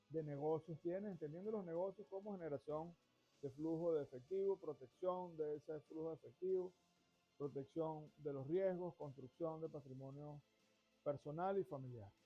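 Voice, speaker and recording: A man's voice: on the high side, normal speed, breathy edge. A middle-aged man from Venezuela hosting a finance show, talking at length in a discursive way that restarts phrases. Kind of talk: monologue to camera. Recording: dull lo-fi sound with faint music.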